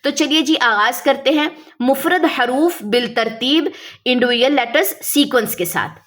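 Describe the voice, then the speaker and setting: A woman teaching beginners letter by letter, explaining patiently and sounding each letter out slowly and drawn out. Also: high voice, a bit bright. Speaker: Quran reading teacher. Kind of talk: step-by-step lesson.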